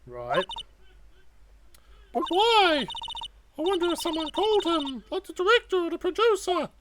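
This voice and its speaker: A woman voicing an excitable young girl sidekick who speaks eagerly, pitched well above her own voice. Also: a little slow, background noise, heavily acted. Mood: curious. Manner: eager, exclamatory. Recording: loud game music behind.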